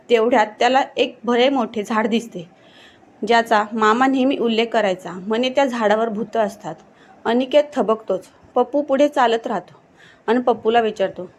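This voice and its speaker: A woman narrating a horror story in a steady, suspenseful storytelling manner. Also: fairly high pitch.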